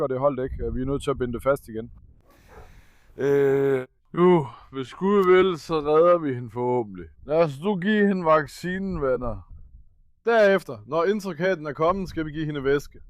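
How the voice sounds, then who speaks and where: Earnest man vlogging with a clear voice. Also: a little high, dry recording, clean studio sound. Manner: gentle and coaxing with the dog, earnest when addressing viewers. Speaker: animal caretaker and channel host. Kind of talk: casual vlog explaining care of a sick puppy.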